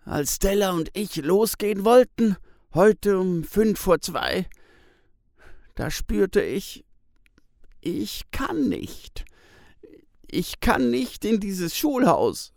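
A man voicing a troubled father who recalls a harsh childhood at school, with a halting, emotional delivery. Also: sits high, animated, gravelly, a little mellow, dry recording, clean studio sound, pitched above the performer's own voice, exaggerated voice. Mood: pained. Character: troubled adult father haunted by school beatings.

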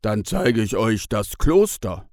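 A man's voice: on the low side, very animated, slow, a little mellow, no echo, studio quality. A man voicing a cheerful, welcoming grown man. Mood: friendly. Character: friendly adult man, cheerful monastery tenant. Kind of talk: children's storybook reading.

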